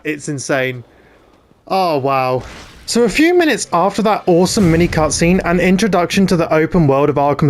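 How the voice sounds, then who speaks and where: Young man in his twenties, gaming YouTuber, excitable chatty commentary, voice sits a bit high. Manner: excitable, chatty, frequent restarts. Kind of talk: gameplay commentary.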